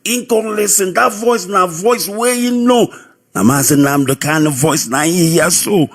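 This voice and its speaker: A man with a Nigerian Pidgin accent telling his personal story in a lively, sing-song way, heard over a radio broadcast. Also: high voice, normal speed. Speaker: radio caller. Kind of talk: personal testimony.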